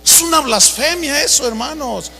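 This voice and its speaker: A man's voice: very high-pitched, animated, normal speed, vocal fry, pushed and bright. A man preaching a sermon, emphatic and acting out stories as he goes. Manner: emphatic preaching with acted-out anecdotes. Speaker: pastor. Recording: reverberant hall.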